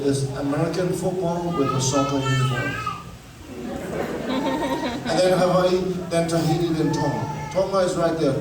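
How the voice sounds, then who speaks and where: A man from Samoa hosting a cultural show, playful and teasing, laughing at his own jokes and leading the crowd in call-and-response. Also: fairly high pitch. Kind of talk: joking live show presentation. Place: live show venue. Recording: echoey, distant, with noisy ambience.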